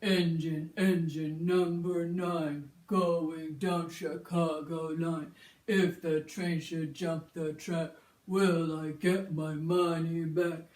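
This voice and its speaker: A woman voicing a stubborn old grandpa with a sore back, using a low, slow, creaky drawl. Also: little pitch movement, darkish tone. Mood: creaky chant.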